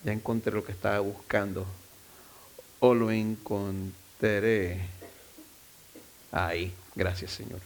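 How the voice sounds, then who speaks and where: A man's voice: lowish voice, fairly even intonation, slow pace, long pauses, slight background noise. A man, a pastor, preaching a sermon in a loose, conversational way, often restarting phrases and dropping in self-deprecating asides. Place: church.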